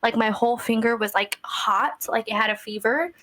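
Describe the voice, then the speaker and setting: A young woman co-hosting a casual podcast, telling stories in a chatty, animated way with lots of fillers. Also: on the high side, normal speed, low-quality recording. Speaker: podcast co-host. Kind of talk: casual chat.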